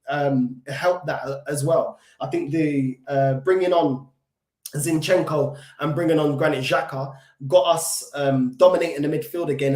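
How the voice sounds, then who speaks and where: Recovering from illness and not quite at full vocal strength, a London man with a slightly high, somewhat mellow voice rants about his football club on his fan channel. The room is echoey. His solo commentary is frustrated and emphatic, full of repetition, restarts, and filler ums.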